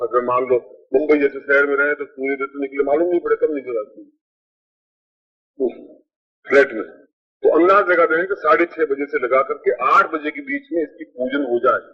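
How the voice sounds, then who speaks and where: This worn old cassette, a dull lo-fi recording from the 1980s, holds a man's medium-pitched, slightly rough voice at normal speed. He is a spiritual teacher walking through a ritual step by step in a plain, methodical way, stressing points by repeating them.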